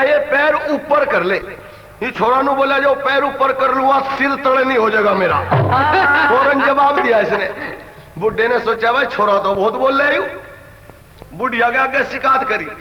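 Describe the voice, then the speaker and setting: A man telling rustic comic stories and voicing the characters in quick dialogue. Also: extremely high pitch. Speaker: comedian telling jokes. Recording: echoey lo-fi cassette recording.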